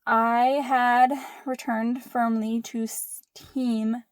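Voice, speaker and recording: A woman's voice: a little high, flat delivery, drawn-out words, clear, resonant tone, no room sound, clean studio sound. A woman in her thirties telling a family story in a playful, mock-dramatic way, dropping into whispered asides. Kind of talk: casual storytelling.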